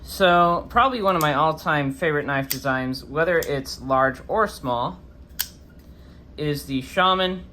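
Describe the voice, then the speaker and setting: The host of a knife review channel gives an informal, chatty product review, his speech slightly hampered by a face swollen from wisdom tooth removal. He has a fairly high pitch and sharp tone, speaks at a measured pace, and a little hiss or hum can be heard.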